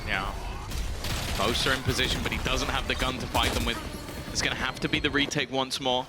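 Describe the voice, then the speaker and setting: A man's voice: medium pitch, fairly even intonation, fairly quick, loud music behind the voice. A man working as an esports caster, giving live play-by-play and analysis of a match.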